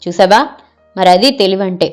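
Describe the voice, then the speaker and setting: A woman's voice: medium pitch, steady tone, normal speed, faint music behind, lightly acted. A woman reading the part of a middle-aged husband in an audio story, eagerly offering one gift idea after another. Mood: coaxing. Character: husband, a middle-aged man, proud and easily exasperated.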